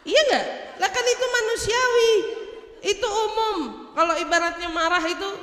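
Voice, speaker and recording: A lively woman preacher, her high, bright voice bouncing around a big echoey hall. She laughs easily and slips into quick little impersonations as she teaches. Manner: animated, humorous, acts out quoted speech; laughs often while speaking. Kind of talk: religious study talk.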